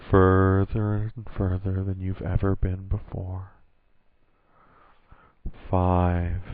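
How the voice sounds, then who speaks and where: Slow, low-voiced man giving hypnotic monotone induction. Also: dry recording. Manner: soothing, repetitive, hypnotic delivery with drawn-out pauses. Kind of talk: hypnosis induction, scripted guided relaxation. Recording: narrow phone-like band, roomless dry sound.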